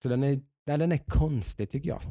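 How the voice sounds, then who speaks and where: A man's voice: mid-range voice, warm tone, no room sound, studio quality. A man chatting casually as a podcast host, hesitant and full of restarts, who slips English phrases into his talk. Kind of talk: casual chat.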